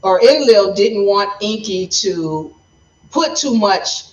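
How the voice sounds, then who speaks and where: A woman's voice: mid-range voice, expressive, roomy sound, far from the mic, muffled recording. A woman hosting a livestream, explaining her point in an emphatic, lecturing way. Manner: emphatic, lecturing, speeds up and slows down for stress. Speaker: livestream host. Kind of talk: livestream commentary. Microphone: phone.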